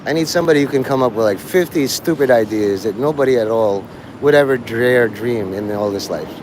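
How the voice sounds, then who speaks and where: Brisk and a little mellow, a man's mid-range voice carries a live streamer's loose, wandering monologue to his audience. He's blunt and swears, and traffic and vehicles are clearly heard in the outdoor background.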